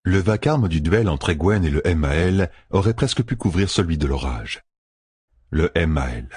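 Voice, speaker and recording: Man, audiobook narrator, very deep voice, husky, dry, measured reading. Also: lively intonation, darkish tone, dry recording. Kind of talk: scripted fantasy narration.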